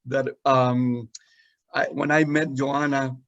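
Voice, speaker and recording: A man's voice: medium pitch, level tone, slow, a bit bright. Man sharing his testimony. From Guatemala. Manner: earnest storyteller, many fillers and restarts. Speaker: senior pastor, guest. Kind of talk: personal testimony in conversation. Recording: dull lo-fi audio.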